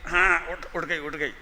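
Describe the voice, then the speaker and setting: A man teaching a religious class to children, playfully repeating words slowly and quizzing students by name. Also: a little high, bright, forceful tone, big-room sound, a little hiss or hum. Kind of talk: interactive Jain scripture class for children.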